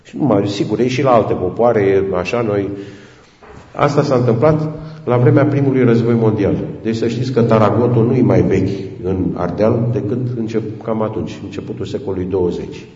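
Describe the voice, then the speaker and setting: A man's voice: fairly low pitch, dark tone. A man giving an informal storytelling talk to an audience, rambling and chatty and addressing his listeners directly. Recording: roomy hall with long reverb, dull lo-fi sound.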